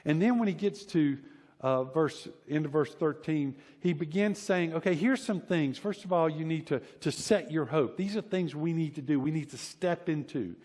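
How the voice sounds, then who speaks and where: Preaching to his congregation in a church hall, a middle-aged Southern American pastor tells personal stories in a folksy, informal sermon, repeating phrases to drive points home. His slightly high, somewhat mellow voice moves at normal speed, and a long hall reverb trails it.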